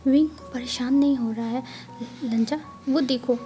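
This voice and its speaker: A woman voicing a gentle older brother who calms and teases his sibling. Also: high voice, normal speed, soft background music, natural voice. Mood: teasing. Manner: soothing, joking.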